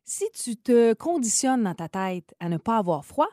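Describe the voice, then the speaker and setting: Chatty Québécoise radio co-host. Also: female voice, fairly high pitch, moderate pace, dry recording, studio quality. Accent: Quebec French. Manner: lively, chatty, laughs often. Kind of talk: casual radio chat.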